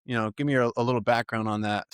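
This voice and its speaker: A man's voice: medium pitch, fairly even intonation, fast, clean tone, dry recording, studio quality. A man in his late forties hosting a podcast, asking short, loose questions. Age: 40s. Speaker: podcast host. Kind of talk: casual interview questions.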